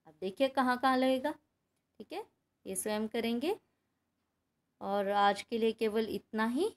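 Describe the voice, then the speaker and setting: Woman teacher, grammar lesson, slow patient explaining, fairly high voice. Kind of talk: Hindi grammar lesson for students.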